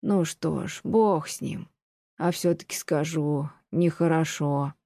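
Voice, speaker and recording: A fretful old landowner lady over sixty, lonely and reproachful, speaking in a slow, plaintive scolding tone, as a woman reader puts her on. Her voice sits low and mellow, and the recording is close and dry. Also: no echo, heavily acted. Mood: grumbling. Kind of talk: audiobook reading of classic prose.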